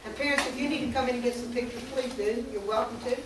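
A woman's voice: a little high, fast. A middle-aged woman, reading names and thanking students at a school board meeting, recorded from a far camera in a large room. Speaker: school board member presenting awards. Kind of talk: public meeting recognition remarks. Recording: echoey room from far off, noisy.

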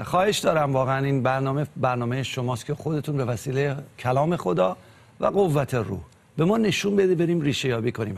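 Earnest young man with a gravelly voice. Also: a little high. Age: 20s. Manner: earnest, hesitant with fillers.

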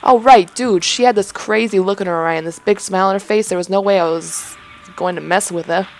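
A woman's voice: mid-range voice, brisk, lightly acted. A woman voicing a laid-back young bro roommate who talks in casual dude-speak. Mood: sheepish.

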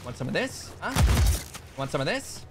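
High, lively gamer man shouting at players. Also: moderate pace, gravelly, over loud music. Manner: loud, playful, teasing. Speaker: gaming streamer. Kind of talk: excited gameplay commentary and trolling.

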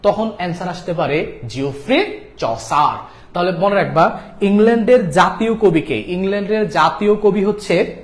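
A man's voice: high voice, expressive, moderate pace, echoey room. A male teacher, giving an exam-prep lecture and repeating key facts to drill them in.

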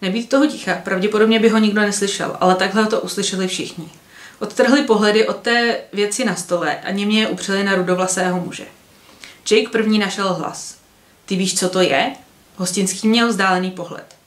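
Woman reading a novel aloud. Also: medium pitch. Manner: steady narration with occasional slips. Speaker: book vlogger. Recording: roomy echo.

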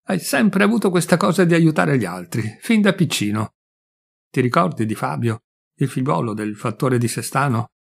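A man with a gravelly voice reading the lines of a fond, talkative elderly mother in an audiobook story. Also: medium pitch, animated, normal speed. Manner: gentle, reminiscing, affectionate.

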